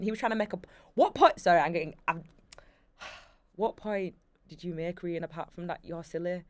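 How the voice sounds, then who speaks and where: A woman's voice: medium pitch, dry recording. Chatty young woman, dry close sound. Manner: chatty, animated storyteller with lots of fillers. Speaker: guest. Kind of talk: casual interview chat.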